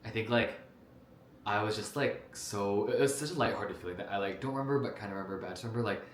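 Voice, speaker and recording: Recorded with a camera mic, a young man from New Jersey, United States, vlogs about his life in casual, rambling speech full of fillers and restarts, talking at a quick pace. His voice is very low, and echo fills the room over a faint hiss.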